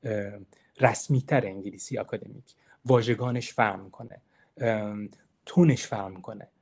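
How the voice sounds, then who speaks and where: A man's voice: fairly low pitch, steady tone, a little mellow, slight background noise. A man giving an informal academic lecture. He talks in a chatty, encouraging way, asks rhetorical questions, and explains and repeats key points. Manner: explains terms and repeats points to stress them. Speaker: university lecturer giving a presentation.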